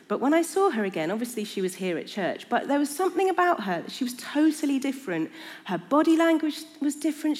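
A woman's voice: medium pitch, darkish tone. A woman giving an earnest, conversational sermon in a church. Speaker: preacher. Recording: long reverb of a church hall.

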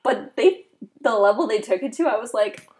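A woman in a casual movie discussion, talking in a relaxed, conversational way with quick reactions. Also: fairly high pitch.

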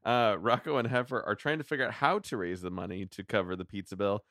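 Smooth, lowish-voiced man co-hosting a podcast. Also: steady tone, fast talker, fairly bright tone, no echo, clean studio sound. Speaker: podcast co-host. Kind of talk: casual recap podcast chat.

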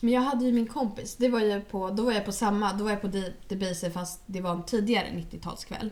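A young woman, chatting casually and bluntly, telling stories with plenty of swearing. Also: mid-range voice. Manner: blunt, animated storytelling, swears freely. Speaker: podcast co-host. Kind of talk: casual chat.

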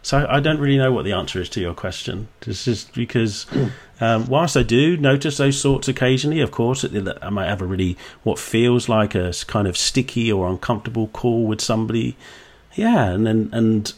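A man's voice: mid-range voice, moderate pace, hardly any pauses. A man with a Suffolk accent speaking as a coach being interviewed, candid and casual, reflecting and sometimes acting out bits of dialogue. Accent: Suffolk English. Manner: candid, swears casually, acts out quoted dialogue.

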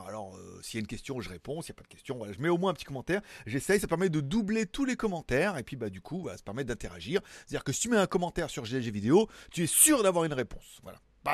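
A man with a voice on the high side hosts a casual tech news YouTube show, chatting to camera from home in Thailand. He rambles, makes fun of himself, and leans heavily on fillers, in a dry recording.

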